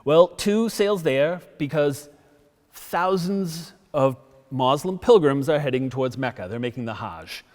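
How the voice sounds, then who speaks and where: A middle-aged man lecturing in a town hall, his voice sitting a little high for a man. He tells the history as a lively story, and the sound rings with long hall reverb. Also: measured pace. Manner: lively storytelling, acts out quotes. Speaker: guest lecturer.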